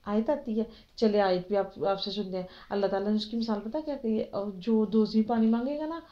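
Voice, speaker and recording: A woman with a Pakistani Urdu accent teaching children religion in an online class, often asking them questions to keep them involved. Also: mid-range voice. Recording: dull lo-fi audio.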